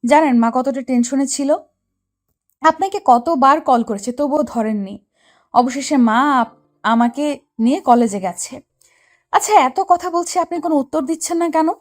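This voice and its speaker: A woman's voice: high voice, moderate pace, long pauses, no echo, lightly acted. A woman narrating and playing a young wife who tells the story in first person, earnest and questioning, for a Bengali audio story. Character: young wife, hurt and puzzled.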